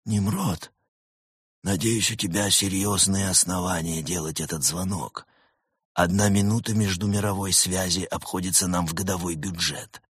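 A man voicing a stern, penny-pinching male boss with an impatient, bossy manner and a husky voice. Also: sits low, fairly even intonation, normal speed, no room sound, studio quality. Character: stern stingy male boss on a costly call.

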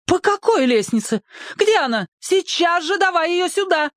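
A storyteller voicing a frightened, strict mother who scolds her son in a shrill, panicked voice. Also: sing-song, normal speed, a bit bright, no echo, studio quality, exaggerated voice.

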